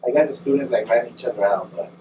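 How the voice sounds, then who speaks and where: A man's voice: mid-range voice, very fast, dark tone. Male co-host, loose slangy delivery, swearing, coping with hot-chip burn; distant, roomy sound. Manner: feeling the burn of a spicy chip, sweating. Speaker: podcast co-host. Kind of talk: casual slangy chat with swearing. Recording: distant mic, echoey noisy room.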